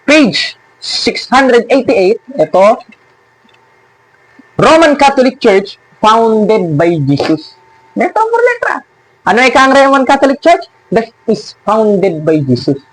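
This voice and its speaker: High-voiced sarcastic male preacher. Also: dry recording, rough recording. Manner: sarcastic, scolding, laughs at his opponents. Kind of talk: preaching and mocking a rival church.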